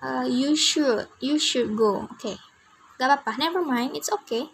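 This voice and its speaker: High-voiced young Indonesian woman teaching. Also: unhurried, vocal fry, a little hiss or hum. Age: young adult. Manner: encouraging, corrects pronunciation patiently. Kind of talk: classroom teaching, mixing Indonesian and English. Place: classroom.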